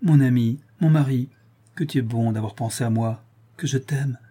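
A man's voice: medium pitch, moderate pace, warm tone, breathy edge, close to an everyday voice. A man reading an audiobook voices a loving young wife, speaking tenderly and adoringly.

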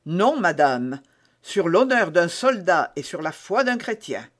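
A man reading an audiobook voices a stern, devout soldier guard who speaks gravely and solemnly. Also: sits high, big pitch swings, unhurried, fairly bright tone, full character voice. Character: stern, pious young male soldier guard.

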